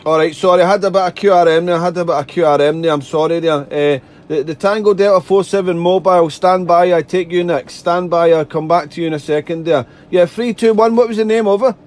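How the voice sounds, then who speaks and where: A man's voice: high-pitched, steady tone, fast, hardly any pauses, a little mellow. A man making amateur radio contacts, chatty and polite, repeating himself and spelling out callsigns phonetically. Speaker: amateur radio operator, live streamer. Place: radio desk indoors.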